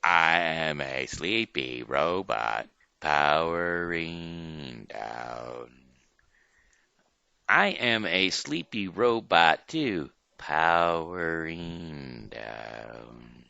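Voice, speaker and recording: A man's voice: a bass voice, expressive, creaky, sharp tone, smooth, no echo, dull audio, full character voice. A man playing a sleepy robot powering down. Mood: drowsy. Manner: slow, drowsy, half-whispered winding-down speech. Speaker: storybook reader for kids. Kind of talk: reading a children's picture book aloud.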